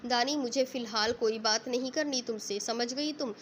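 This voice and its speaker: A woman's voice: on the high side, moderate pace, a little hiss or hum, lightly acted. A woman reading a storybook, voicing a cold, curt young man who brushes others off.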